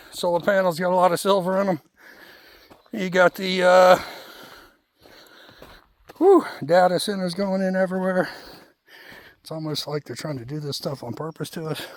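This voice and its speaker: A man's voice: high voice, dry recording. A man, talking casually and bluntly as he walks his homestead, a little out of breath. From Kentucky. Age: 40s. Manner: rambling, folksy, blunt. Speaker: homesteading vlogger. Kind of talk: casual vlog monologue while walking. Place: outdoors on a homestead.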